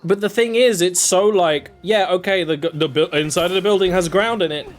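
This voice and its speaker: Over soft background music, a young British man from England with a southern accent chats a little fast while streaming a game. The commentary is casual and meandering, his pitch jumping suddenly from time to time.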